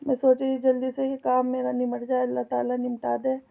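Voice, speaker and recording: A woman's voice: sits high, completely flat delivery, fairly quick, gravelly. A middle-aged woman with a sore throat and cough chatting to viewers while she cooks, in a home kitchen filmed on a phone. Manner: chatty, complaining, talks straight to viewers. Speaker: home vlogger. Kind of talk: casual vlog chatter while cooking. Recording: tinny phone-like sound.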